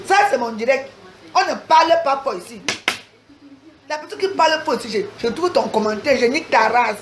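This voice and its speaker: A woman's voice: fairly high pitch, expressive, normal speed, roomy sound, background noise. A woman ranting angrily on her own livestream, hurling insults and challenges in a confrontational, repetitive way. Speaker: social media livestreamer. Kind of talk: angry livestream rant.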